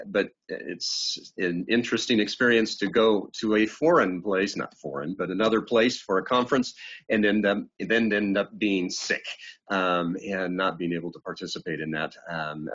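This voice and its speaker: A middle-aged man giving the city manager's report over a video call, halting with many ums, still recovering from being sick. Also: low-pitched, a bit bright. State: getting over an illness. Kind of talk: giving a report at a council meeting. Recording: muffled video call audio.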